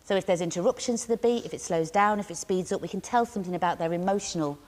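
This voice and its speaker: A woman leading students through a lively drama exercise, encouraging them and chanting rhythms aloud. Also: fairly low pitch, fast talker, in a large hall, a little hiss or hum. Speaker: workshop leader.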